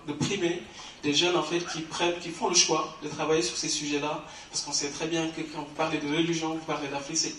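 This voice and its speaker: A man's voice: fairly high pitch, fairly bright tone, slight background noise. A man presenting awards at an academic conference, explaining at length with many fillers and restarts. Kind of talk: hesitant spoken announcement. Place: conference hall. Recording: echoey hall from far off.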